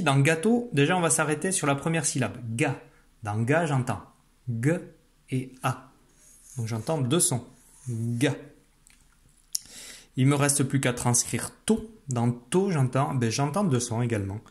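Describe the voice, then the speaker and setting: A man teaching young children a phonics lesson, saying each sound slowly and carefully. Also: mid-range voice. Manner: slow, careful, stretched-out pronunciation of sounds. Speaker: primary school teacher.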